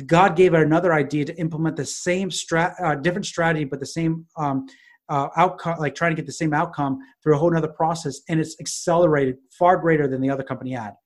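A man with a fairly high voice, talking as a guest in a casual interview. He tells stories in an animated way and starts sentences over as he goes. His talk is full of fillers. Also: fast talker. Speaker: business consultant guest. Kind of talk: conversational storytelling interview.

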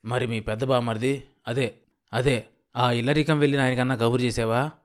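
A man's voice: mid-range voice, steady tone, moderate pace, lightly acted. A man doing a nosy old village man. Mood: prying. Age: older. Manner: drawling rural speech, grieving and prying.

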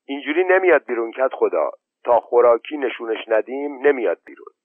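A man's voice: medium pitch, very animated, no echo, pitched above the performer's own voice. A man voicing a practical, decisive village man who gives firm instructions, on a tinny, narrow-band recording.

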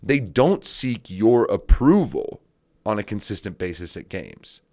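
A man's voice: lowish voice, sing-song, a little slow, darkish tone. A man coaching youth sports, giving an earnest, emphatic solo podcast rant with words repeated for stress.

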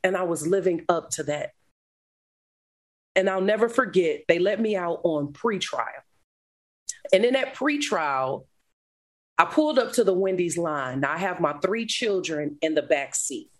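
A woman guest speaker telling her life story in an interview, animated, laughing often, moving between loud and hushed. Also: on the low side, unhurried, pauses often. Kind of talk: emotional storytelling.

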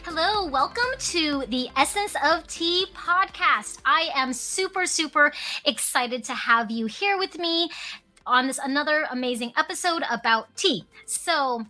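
Bright, high-voiced enthusiastic woman host. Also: unhurried, soft background music, rough recording. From Hong Kong, raised in Alaska. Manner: enthusiastic, storytelling, lively emphasis. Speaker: podcast host. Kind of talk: casual solo podcast talk.

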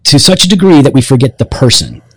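A man's voice: mid-range voice, wildly swooping pitch, fast talker, husky, no echo. A man co-hosting a casual faith podcast, talking in a rambling, teasing way with many restarts. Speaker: podcast co-host.

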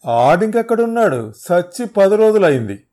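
A man's voice: mid-range voice, normal speed, close to an everyday voice. A man voicing a beaten, frightened male blackmailer who speaks in crude rustic dialect. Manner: crude dialect, pleading and shouting.

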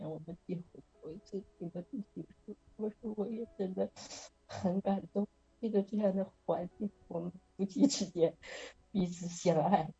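Over an online call at a prayer meeting, a middle-aged woman shares a sincere, casual testimony and laughs often as she tells her story. Her voice is medium-pitched, warm and slightly rough. The sound is lo-fi.

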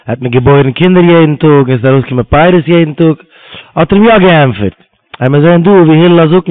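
A man giving a Talmud lesson, reading Hebrew quotes and explaining them in Yiddish. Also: fairly high pitch. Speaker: Talmud teacher. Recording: tinny phone-line sound.

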